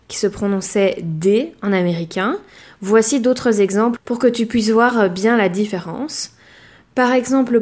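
A woman teaching a language lesson, speaking clearly and measuredly, and slowing down to model words. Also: medium pitch, a little mellow. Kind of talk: explaining a lesson.

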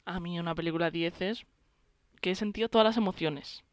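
A woman's voice: fairly low pitch, fairly quick, no room sound, studio quality. A woman with a Spanish accent from Spain, chatting casually and enthusiastically while reviewing a film. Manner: enthusiastic, chatty, laughs often. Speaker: film podcast co-host.

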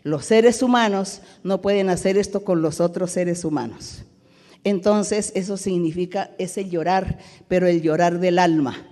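Woman preaching slowly in a reverberant hall. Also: lowish voice, warm tone. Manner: slow, emphatic preaching with drawn-out words. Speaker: church leader teaching a Bible study. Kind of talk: sermon. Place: large church auditorium. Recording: long reverb of a large hall.

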